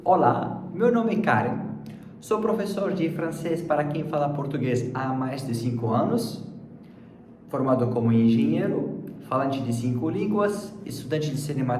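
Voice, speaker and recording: Brief: male language teacher, slow and deliberate, a mellow voice, recorded in an echoey room from a distance. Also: a little high. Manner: slow, deliberate, repeats words for the learner. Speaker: French teacher. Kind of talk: language lesson. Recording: echoey room, distant mic, faint background noise.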